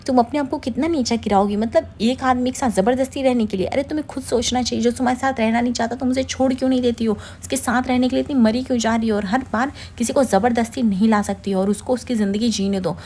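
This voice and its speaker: A woman retelling a TV serial quotes a blunt young man's harsh lecture in a fast voice close to her own. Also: a little high, steady tone, mellow, close to an everyday voice. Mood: scolding.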